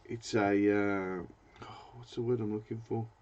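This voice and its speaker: This fishing-channel host from Britain speaks in a fairly low, steady voice that's a little slow and a little mellow. Chatting loosely during a live stream, he wanders off track and fumbles for the right words, all captured in dull lo-fi audio.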